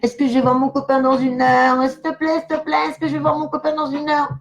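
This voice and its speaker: A woman's voice: high-pitched, completely flat delivery, a little fast, slight background noise, voice pushed up. A woman mimicking an impatient young woman who begs to know about her boyfriend, in a whiny, pleading voice.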